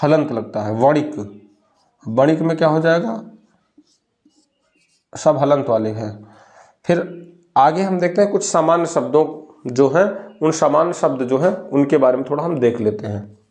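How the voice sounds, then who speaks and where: High-voiced male teacher drilling spelling. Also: animated, a little mellow. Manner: asks a question, then answers it himself; drags out words slowly when stressing them. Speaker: Hindi teacher. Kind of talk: classroom spelling lesson.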